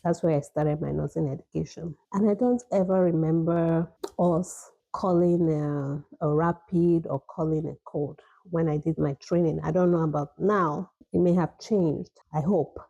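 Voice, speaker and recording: A middle-aged woman with a Nigerian accent talks casually to her viewers between bites. Her voice is very dark and husky with a gravelly edge. She rambles warmly, restarting her sentences. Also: lowish voice, no room sound, muffled recording. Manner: chatty, laughs often, drawn-out restarts. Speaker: emergency nurse vlogger. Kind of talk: casual chat while eating.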